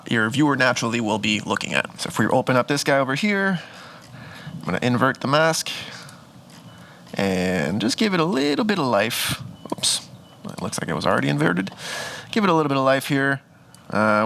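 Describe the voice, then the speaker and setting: Bright-voiced man teaching photo editing. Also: medium pitch, gravelly, a little hiss or hum. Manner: chatty, thinks aloud, self-correcting. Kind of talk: casual screen-recorded editing tutorial.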